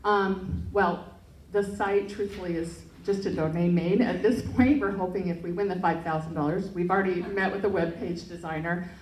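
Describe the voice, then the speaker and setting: Woman pitching a project, kinda low mellow voice, lots of ums, far off mic in an echoey room. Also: fairly even intonation, normal speed, a little hiss or hum. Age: adult parent. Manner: earnest, with frequent fillers and restarts. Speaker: project presenter. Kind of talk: pitch presentation and Q&A. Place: event hall.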